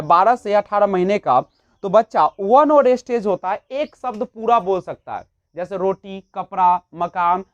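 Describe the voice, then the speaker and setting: In Hindi sprinkled with English terms, a woman with a slightly high voice teaches a child-development lesson as exam prep for a teaching test, asking questions and then answering them on her own. The audio is dull, with no echo.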